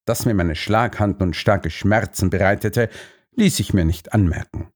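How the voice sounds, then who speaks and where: Low-voiced male audiobook narrator. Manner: measured, expressive storytelling. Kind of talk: first-person scripted narration.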